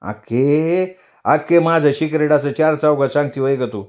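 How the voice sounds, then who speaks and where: Casting note: a blustering taxi driver, voiced by a male storyteller, fairly high voice, quick to snap. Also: darkish tone, lightly acted. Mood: chatty. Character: boastful, hot-tempered village taxi driver, grown man.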